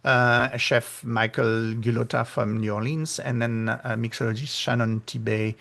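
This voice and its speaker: A middle-aged man from France, with a French accent, is a guest author in a casual interview, pausing often and using many fillers but growing lively when he retells conversations. His voice is mid-range with vocal fry.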